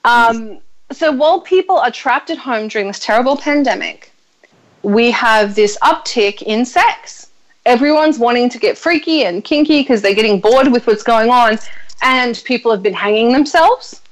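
Chatty woman in her thirties, higher voice. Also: normal speed, low-quality recording. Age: 30s. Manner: chatty, blunt, swears freely with frequent ums. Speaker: podcast host. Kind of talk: casual chat.

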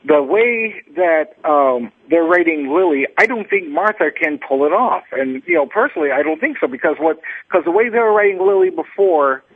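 A man calling in to a radio show over a thin, clipped telephone line, halting and restarting as he talks. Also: high-pitched, animated, breathy edge. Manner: halting, with many restarts and fillers. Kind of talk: casual phone chat. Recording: narrow-band phone call.

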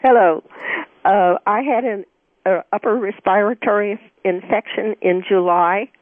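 A woman's voice: mid-range voice, fairly even intonation, no room sound. A woman calling in to a radio show, hesitant, her voice muffled as if she were talking into a barrel. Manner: hesitant, with many pauses and fillers. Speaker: caller. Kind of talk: call-in question. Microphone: telephone. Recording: tinny dry phone line.

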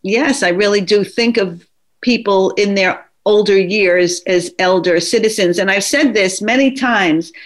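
A woman's voice: medium pitch, measured pace. A woman in her late sixties, an author who once worked in nursing homes, talking earnestly in conversation and often restarting her sentences. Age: 60s. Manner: earnest, fluent, with frequent restarts. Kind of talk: conversational discussion.

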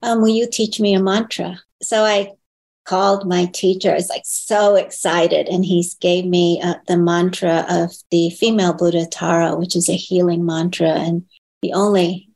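A woman's voice: level tone, vocal fry. Thoughtful woman recounting memories in interview. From born in Hong Kong, raised in the United States. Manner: thoughtful and soft-spoken, pauses and restarts, raises her pitch to quote others. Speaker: interview guest. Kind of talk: reflective personal interview.

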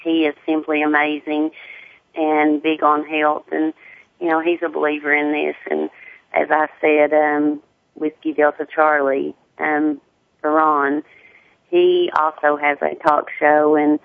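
A woman with a deep Southern US accent, talking casually as a guest in an interview. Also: monotone, unhurried, gravelly, no echo. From Tennessee. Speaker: guest, sickle cell awareness advocate. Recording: muffled narrow phone-like line.

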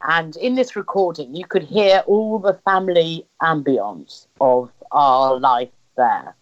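Speaking slowly in a deep voice with lively intonation, an Englishwoman recounts family history in an interview. She tells personal family stories conversationally in her English accent, voicing remembered dialogue as she goes, and the sound quality is slightly dull and lo-fi.

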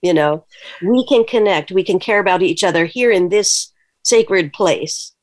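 A woman's voice: lowish voice, a little slow. Reflective woman guest on a talk show.

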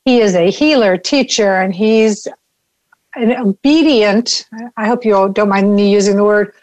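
A woman's voice: medium pitch, unhurried, darkish tone, low-quality recording. A woman hosting a talk show in a conversational style, introducing guests and callers.

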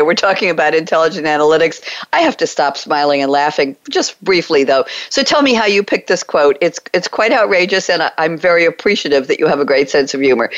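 A woman hosting a business podcast panel, bubbly and quick to laugh, on muffled lo-fi audio. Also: lowish voice, no echo. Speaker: show host.

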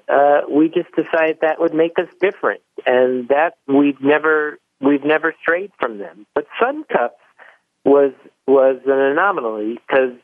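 A man's voice: mid-range voice, dry recording. Man telling a story over a phone line. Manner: folksy storyteller, acts out both sides of dialogue. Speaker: chocolate company founder, guest. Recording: dry, tinny phone line.

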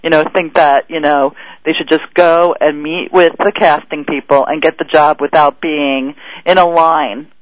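A man's voice: fairly high pitch, fairly even intonation, normal speed, dry recording. A man hosting a casual radio interview, chatty and teasing, laughing often. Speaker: radio host. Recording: dull lo-fi radio audio.

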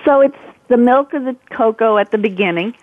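A woman's voice: fairly high pitch, fairly quick, dry recording. A woman with a Boston accent chatting casually as a guest on a radio show over a phone line. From Boston area, United States. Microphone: phone call into radio show. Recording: narrowband phone-line call.

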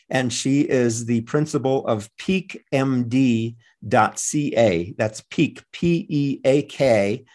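A man's voice: mid-range voice, a little mellow. A man hosting a radio talk show, addressing listeners and a guest.

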